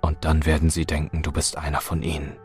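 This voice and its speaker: A man voicing a detached, sorrowful male stranger in a horror story, speaking flat and quiet. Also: very deep voice, a little fast, soft background music. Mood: calm.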